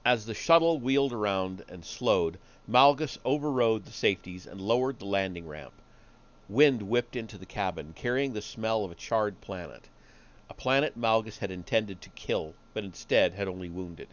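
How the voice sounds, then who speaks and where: A man reading a story aloud on a live stream, steady but with small slips and restarts. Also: on the low side, moderate pace, dull audio.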